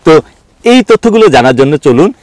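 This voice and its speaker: A man's voice: on the high side, brisk. A man hosting a farming report outdoors in a village field, interviewing farmers under a gourd trellis. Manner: animated presenter, asks short questions. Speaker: agricultural show host.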